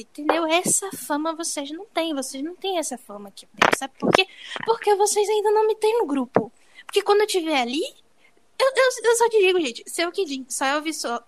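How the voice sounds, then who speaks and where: A young Brazilian woman hosts a podcast in a high, bright voice. She jokes and spins tall tales with playful self-mockery. A faint hiss sits under the recording. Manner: playful, self-mocking, lively storytelling. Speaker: podcast host. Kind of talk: joking podcast monologue.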